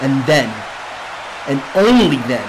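A man's voice: mid-range voice, sing-song, background noise. A young man playing a boastful, theatrical pro wrestler who talks in the third person in a promo parody, drawing out key words. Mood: grandiose. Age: young adult. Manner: theatrical, boastful, drawn-out emphasis. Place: small indoor set, dark backdrop.

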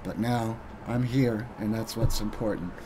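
A man giving an earnest, halting thank-you speech on his live stream, pausing often with ums. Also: on the low side, steady tone, background noise. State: getting emotional.

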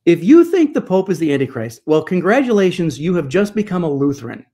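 A man in his fifties, a guest church historian, speaking over a video call from a home study, emphatic and animated with rhetorical questions. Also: fairly high pitch, fairly quick. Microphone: video call webcam.

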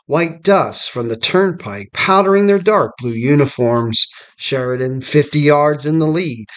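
A man reading a scripted history documentary narration in a measured storytelling manner. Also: on the high side.

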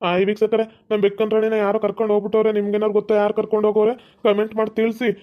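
A woman's voice: mid-range voice, monotone, racing, dull audio, lightly acted. A woman playing a distraught young village man who has lost his cat, whiny and tearful. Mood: sulky threatening.

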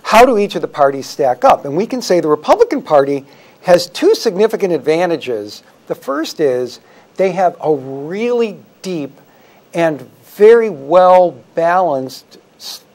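A man speaking as a historian guest on a talk show, explaining in a measured, articulate way. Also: fairly high pitch, sing-song, darkish tone. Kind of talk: explanatory interview answers.

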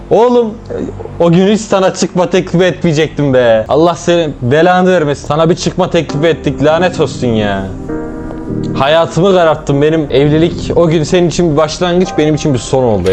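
A young man rattles off quick, joking let's-play commentary, swearing freely and talking straight to his viewers. His pitch sits in an ordinary middle range, and soft music runs underneath. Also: expressive. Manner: jokey, swears a lot, talks to chat. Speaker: streamer playing a girlfriend simulator game.

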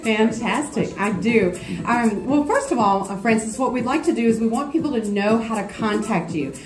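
A woman's voice: on the high side, moderate pace, roomy sound, faint music behind. A middle-aged woman hosting a business interview show, bubbly and enthusiastic, speaking into a handheld mic. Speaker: talk show host. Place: small studio set with couches.

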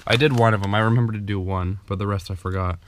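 A young DIY home renovation vlogger talks fast in a lowish voice with fairly even intonation, casually rambling through his unfinished basement with ums and restarts. He films on a handheld camera as he walks. Slight background noise is audible.

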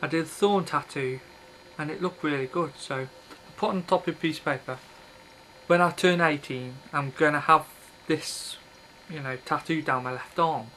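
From a small bedroom with red curtains, a video blogger in his thirties rambles casually and bluntly to his webcam in an offhand way, often breaking off mid-thought. He speaks at a moderate pace in a fairly high, sharp voice. The built-in webcam mic captures poor audio with a little hiss or hum.

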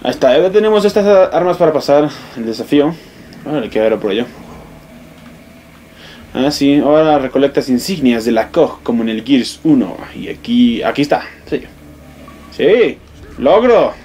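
A young man with a Mexican accent giving excitable, swear-filled let's play commentary, yelping and exclaiming as he plays. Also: mid-range voice, moderate pace, a little hiss or hum. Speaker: gamer.

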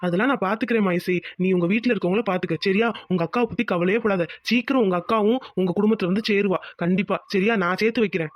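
A woman voicing a kind young village husband in a cartoon, talking in a quick, gentle and reassuring way. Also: mid-range voice, dry recording, studio quality, lightly acted. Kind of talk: cartoon voice acting.

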